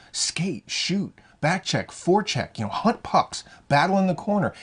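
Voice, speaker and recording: A man with a slightly husky, breathy voice coaches young hockey players on confidence in a relaxed motivational vlog. He speaks in a conversational, encouraging way, dropping in "you know" and restarting phrases as he goes. His pitch sits in an ordinary middle range. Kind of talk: motivational talk to camera.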